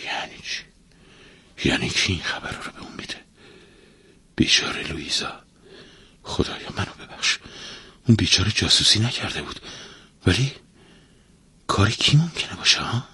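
A man's voice: on the low side, sing-song, slightly rough, dry recording, exaggerated voice. A man voicing a hot-tempered, suspicious merchant's wife in a storybook reading, in a raised, scolding voice. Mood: angry.

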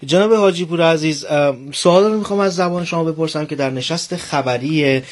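A man hosting a studio interview, courteous and formal, who asks long questions. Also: a little high. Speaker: interviewer host.

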